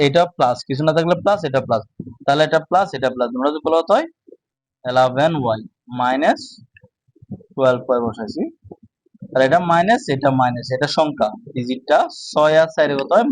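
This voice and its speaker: A man teaching a math lesson, speaking slowly and asking his own questions before answering them. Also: medium pitch, lively intonation, no echo, poor audio. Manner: slow, repetitive, asks and answers own questions. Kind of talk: casual classroom lesson.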